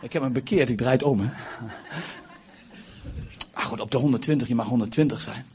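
A man in his forties preaching a sermon, nearly hoarse, swinging from hushed talk to loud bursts. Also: mid-range voice, fairly quick. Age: 40s. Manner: animated, swings from hushed to shouting.

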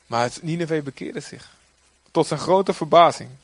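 A man preaching a sermon in a lively way, sometimes acting out quoted figures in a raised voice. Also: a little high, normal speed, breathy edge, no room sound.

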